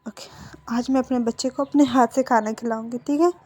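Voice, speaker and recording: A woman voicing a stern mother who softens and gently hushes her grown son. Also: fairly high pitch, steady tone, brisk, close to an everyday voice. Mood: warm. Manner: gentle, hushing.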